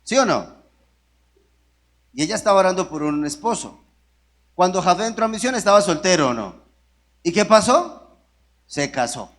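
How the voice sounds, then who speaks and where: A man's voice: sits high, sing-song, moderate pace, long pauses, fairly bright tone. A man preaching a sermon in a conversational way, often asking the congregation rhetorical questions. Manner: conversational, with restarts and jokes.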